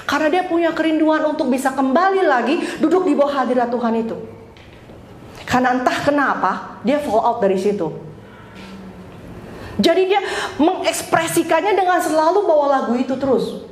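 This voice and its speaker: A woman pastor giving a conversational sermon, telling a personal story with lively storytelling and frequent laughter, acting out dialogue. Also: high voice, normal speed. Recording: echoey church hall, faint room noise.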